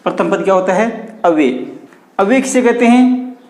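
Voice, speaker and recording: A male teacher giving an online grammar lesson, repeating key terms as questions to the class and dropping his pitch on each stressed term. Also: animated, moderate pace, a little mellow, roomy sound. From India.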